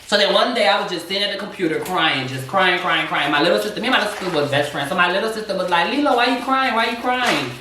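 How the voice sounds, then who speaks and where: A young man casually telling a personal story while cooking at home, getting animated and jumping up in pitch when he quotes people. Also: racing, hardly any pauses. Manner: animated, jumps up high when quoting people. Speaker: co-host. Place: home kitchen. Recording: echoey room, mic at a distance, faint noise.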